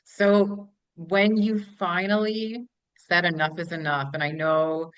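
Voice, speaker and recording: A woman's voice: on the low side, level tone, slow pace, clean tone. A woman hosting a podcast interview, asking supportive, reflective questions. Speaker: podcast host. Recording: dry, dull lo-fi sound.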